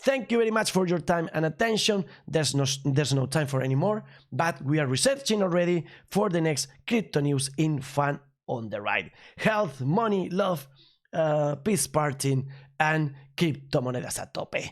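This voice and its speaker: A man from Spain with a Spanish accent, a native Spanish speaker hosting a news commentary show in an upbeat, emphatic, slightly halting way. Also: fairly high pitch, lively intonation. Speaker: crypto news channel host.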